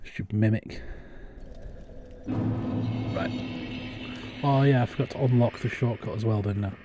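A man's voice: fairly low pitch, unhurried, music in the background. A young man chatting casually while playing a game on a live stream, muttering to himself as he goes.

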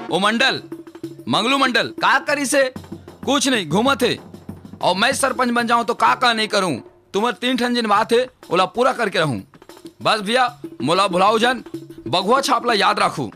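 A man's voice: sits high, bright, forceful tone, full character voice. A man playing a village candidate giving a campaign speech in a comedy drama, with a Chhattisgarhi accent. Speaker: rival sarpanch candidate. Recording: music and drums behind.

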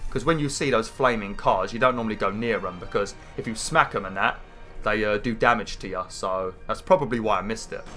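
A man's voice: lowish voice, brisk, bright, forceful tone, soft background music. A British man in his thirties with a nasal voice, as if pinching his nose, rambling casually and swearing a bit as he commentates on a video game. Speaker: gaming video host.

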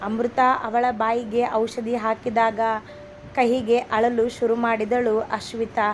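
A woman's voice: a little high, level tone, slow, darkish tone, faint music behind. A woman reading a family love story aloud as a storyteller, evenly voicing each character herself. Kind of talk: scripted story narration.

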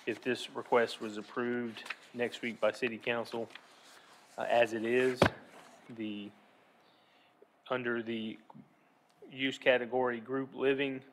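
A man in his thirties delivers a formal staff report at a council-chamber podium, speaking into the podium microphone. His delivery is steady and procedural, with little rise and fall in pitch and the odd filler between points. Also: slight background noise, poor audio. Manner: measured, procedural, with frequent fillers. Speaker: city senior planner.

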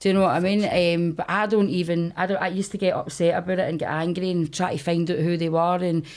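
A woman's voice: lowish voice, little pitch movement, fast, darkish tone. A woman with a broad Scottish accent in casual podcast chat, telling stories candidly in colloquial, sweary language. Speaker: guest, comedy performer.

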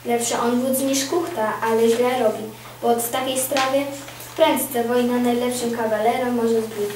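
A woman reading a historical novel aloud at a library contest, giving the characters lively voices. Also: on the high side, a little hiss or hum. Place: library room. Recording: very echoey room, mic far off.

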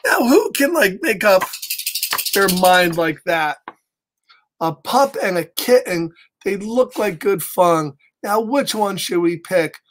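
In a small room at home, an American storyteller in his fifties reads a picture book aloud for kids, taking his time. His voice is high-pitched with lively intonation. He reads expressively and breaks off for playful, chatty remarks to his young audience.

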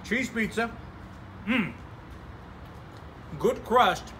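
A man's voice: very high voice, lively intonation, extremely slow, pushed and bright. A man hosting a casual pizza review vlog, talking while chewing a slice. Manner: enthusiastic, chatty. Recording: noisy background.

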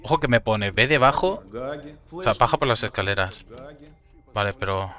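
A man from Spain with a Murcian accent, commenting on a game he is playing, breaking into loud surprised swearing and laughter. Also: fairly low pitch, expressive, moderate pace. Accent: Murcian Spanish. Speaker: gaming streamer. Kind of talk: gameplay commentary.

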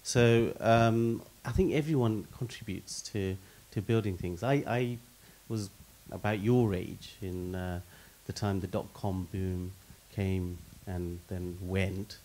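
A middle-aged man answers a question on a panel, speaking into a handheld mic on a stage in a meeting hall with an audience. His low, warm voice holds a steady tone as he talks slowly and expansively with few pauses, often repeating a word as he starts and stacking up lists of examples. The audio quality is poor.

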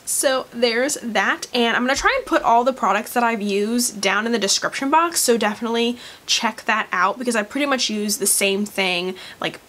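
A woman's voice: on the high side, moderate pace, hardly any pauses, fairly bright tone. A woman talking casually through a makeup review vlog, chatty with lots of likes and ums, a bit of morning voice. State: morning voice, coughing. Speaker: beauty vlogger. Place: at home, later by a window.

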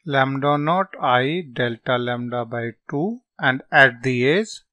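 Slow-paced North Indian man tutoring. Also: mid-range voice, expressive, pushed and bright, no room sound. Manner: halting, dictating in short phrases as he writes. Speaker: physics tutor. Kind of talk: step-by-step lesson, reading out worked solutions.

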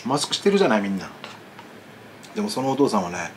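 A man's voice: fairly low pitch, very animated, fast talker, slight background noise. Chatty man telling stories over a meal. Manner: chatty, rambling storyteller with asides. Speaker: food vlogger. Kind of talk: casual chat while eating.

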